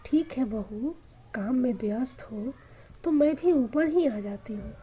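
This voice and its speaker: A woman voicing a gentle, trusting elderly mother who speaks softly and pleads. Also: on the high side, animated, a little slow, breathy edge.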